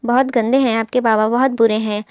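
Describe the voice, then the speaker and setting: A woman reads the part of a young new mother, wounded and tearful, pleading like a sulking child. The voice sits somewhat high with a smooth, clear tone. Her delivery stays flat and even, close to the reader's own voice, in an audio novel. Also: fairly quick, no room sound, close to an everyday voice. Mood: hurt, sulky.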